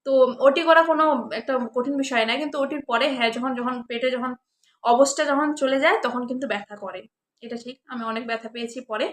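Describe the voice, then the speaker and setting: A woman's voice: high voice, fast, echoey room. A young woman, telling a personal story in a casual vlog, chatty, with lots of fillers and restarts. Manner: chatty, filler-heavy retelling with many restarts. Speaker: vlogger.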